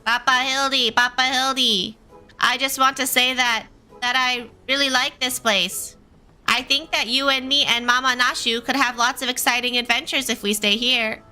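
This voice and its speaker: A woman's voice: high voice, fairly even intonation, normal speed, pushed and bright, faint music behind. A woman voicing a small, earnest, childlike creature from a game, sweetly eager. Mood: earnest, hopeful.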